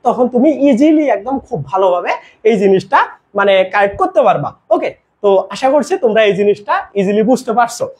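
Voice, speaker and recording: In a live online grammar class, a teacher with a mid-range, darkish voice keeps things casual, mixing in English words and posing quiz questions they then answer themselves.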